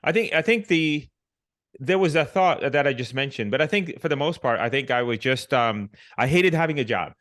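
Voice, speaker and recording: Telling his life story as a podcast guest, this middle-aged Puerto Rican man speaks at normal speed with lively intonation in a mid-range, slightly bright voice. His talk is casual and reflective, full of restarts and "you know" fillers.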